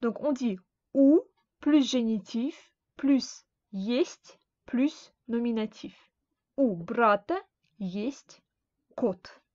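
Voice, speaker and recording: A woman teaching a grammar lesson, speaking slowly and carefully and repeating each example word. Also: a little high, lively intonation, darkish tone, dry recording. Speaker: Russian language teacher. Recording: dull dry lo-fi sound.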